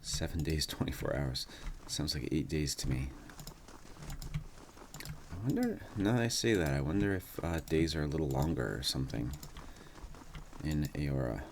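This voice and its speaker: A man with an extremely low voice gives casual, musing commentary as he plays a game. He takes his time and also reads game text. There is faint noise behind him, with a creaking chair. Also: animated, a little mellow. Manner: unhurried, musing. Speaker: gaming host. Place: indoors, seated at a computer. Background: creaking chair, faint background noise.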